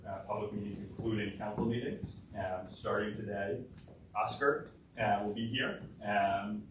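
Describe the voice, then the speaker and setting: Male official, slightly deep, hesitant procedural remarks, distant mic with clear background noise. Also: very echoey. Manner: halting, hesitant delivery. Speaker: official addressing a council. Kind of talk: procedural announcement at a public meeting. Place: large indoor council meeting room.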